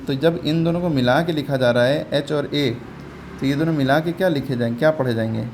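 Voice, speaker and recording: A man's voice: on the high side, a little fast, a little mellow, a little hiss or hum. A man teaching English reading, patiently repeating each sound and quizzing his learner step by step. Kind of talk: step-by-step phonics lesson.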